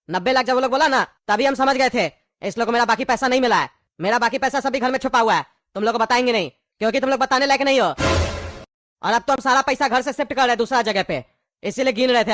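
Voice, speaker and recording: A woman's voice: a little high, fairly bright tone, no echo, clean studio sound, natural voice. A woman playing a suspicious, miserly father in a comedy skit, with an irritable, grumbling manner. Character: secretive miserly father hiding cash.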